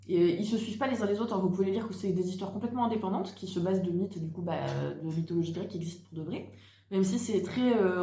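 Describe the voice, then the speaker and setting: Young woman, book vlogger, relaxed rambling delivery, average pitch, roomy echo. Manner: chatty, hesitant, many fillers and restarts. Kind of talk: casual chat. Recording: echoey room.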